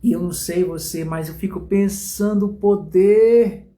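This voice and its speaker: A man teaching a Bible study in a sermon style, telling stories dramatically with slow, emphatic phrasing. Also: high-pitched, mellow.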